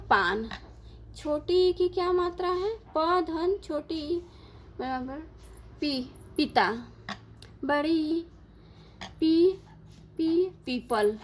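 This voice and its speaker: A woman teaching a lesson, asking questions and answering them herself in a slow, deliberate way. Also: high-pitched, a bit bright, slight background noise. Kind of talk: Hindi grammar lesson.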